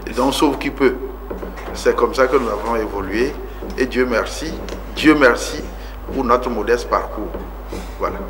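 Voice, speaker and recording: A man's voice: medium pitch, unhurried, background noise. A man in his forties from Togo, a politician being interviewed on TV about his life, speaking earnestly with many fillers and rising emphasis. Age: 40s. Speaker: guest politician.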